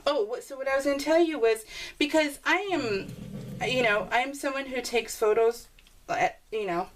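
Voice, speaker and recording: In a noisy, click-filled home recording, a woman presents scrapbook pages, chatting casually to viewers while rambling and giggly interrupting herself. Her voice sits high and moves at a moderate pace.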